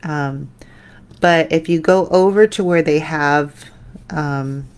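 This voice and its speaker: A woman hosting a live painting tutorial, chatting with viewers and trailing off into quiet mutters as she concentrates. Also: deep voice, slow pace, clear, resonant tone. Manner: chatty, answers viewer comments while painting; drifts into soft mutters when concentrating. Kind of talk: live painting demo, casual chat.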